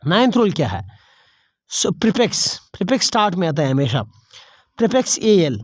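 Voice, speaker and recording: With a sing-song, lowish voice at normal speed, a female English teacher lays out spelling rules step by step in Urdu-flavored Hindi. Each point gets repeated, and she quizzes herself before giving answers. The audio is close and dry, lacking any room sound.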